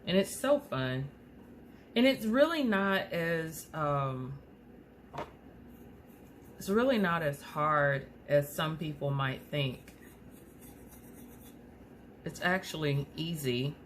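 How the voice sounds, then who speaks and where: A woman's voice: sits low, lively intonation, slow pace, pauses often, a little hiss or hum. A woman with a slight lisp from aligner trays, hosting a casual craft tutorial and rambling along with many fillers and restarts. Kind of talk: casual how-to talk.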